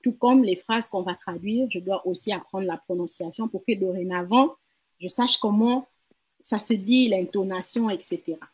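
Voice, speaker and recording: A woman's voice: mid-range voice, normal speed, slightly rough. A woman learning a language from her mother in a casual lesson, repeating words carefully and laughing at herself. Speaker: learner and co-host.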